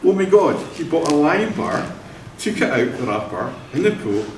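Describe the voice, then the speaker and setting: A man's voice: medium pitch, sing-song, moderate pace, a little hiss or hum. A Scottish man leading a vow renewal ceremony, telling family stories in a jovial way and laughing often. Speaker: wedding celebrant. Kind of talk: ceremony speech with anecdotes. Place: church hall. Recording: echoey room, mic at a distance.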